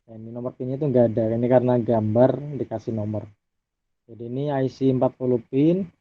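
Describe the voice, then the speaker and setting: A man giving a relaxed recorded lecture over slides, often tagging his sentences with a questioning "ya". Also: medium pitch, a little fast, no echo. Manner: relaxed, adds tag "ya" often. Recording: dry, phone-like audio.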